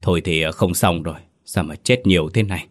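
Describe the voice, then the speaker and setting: Old village ritual master played by a man, solemn, low deep voice, ghost story. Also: a little fast. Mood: grave. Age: older. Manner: grave, solemn. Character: old village shaman, grave and ominous.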